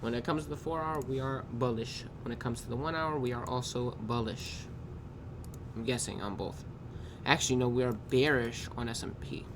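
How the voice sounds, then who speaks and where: A man's voice: mid-range voice, steady tone, background noise. Tired man talking over keyboard clatter. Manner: loose, unhurried, with drawn-out pauses and casual swearing. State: tired, yawning. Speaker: day trader reviewing his trades. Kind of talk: casual screen-recorded trade review. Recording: clear keyboard typing in background.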